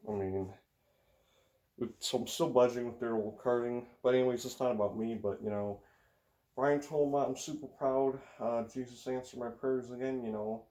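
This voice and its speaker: In an Upper Midwest accent, a teenage American who vlogs about racing drifts through a casual monologue, hesitating with fillers and sighs. He speaks at a moderate pace, his mid-range voice steady and mellow.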